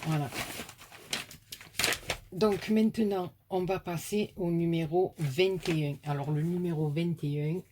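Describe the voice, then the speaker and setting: Slow chatty woman with southern French accent. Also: fairly low pitch, steady tone, background noise. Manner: chatty, rambling, affectionate. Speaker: craft YouTuber opening mail. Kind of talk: casual chat to viewers.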